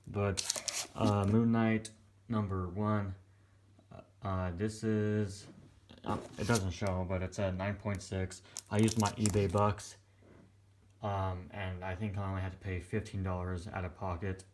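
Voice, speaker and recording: A young man giving casual vlog narration in a quiet but clear, subdued voice, hesitant and a little tired. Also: low-pitched, flat delivery, unhurried, a little hiss or hum. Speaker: comic collector presenting his purchases. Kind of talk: casual vlog narration over close-up shots of items. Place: small indoor room at home.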